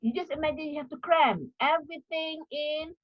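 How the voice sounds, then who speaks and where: A woman's voice: sits high, normal speed, no echo, lo-fi sound. A woman from Malaysia with a Malaysian accent, giving a lecture on academic writing, with frequent "uh" fillers and a checking "okay?". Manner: repeats and restarts, many "uh" fillers and checking "okay?". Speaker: university lecturer. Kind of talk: academic workshop talk.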